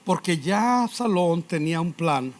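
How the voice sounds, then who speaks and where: Pastor, man, slightly high voice, animated and engaging preaching style. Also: unhurried. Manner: animated preaching, frequent questions to the congregation. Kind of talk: sermon.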